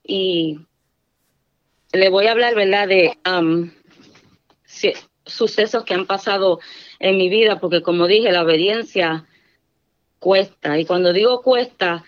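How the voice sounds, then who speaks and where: A woman's voice: medium pitch, takes it slowly, pauses often. A middle-aged woman giving a fervent church testimony, speaking earnestly and often checking in with her listeners. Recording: dull lo-fi recording.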